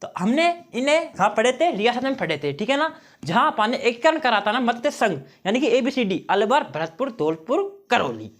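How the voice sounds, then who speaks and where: A man's voice: very high voice, big pitch swings, brisk, fairly bright tone. A male teacher giving an exam-prep lesson on memory tricks, often checking in with his students and repeating key phrases.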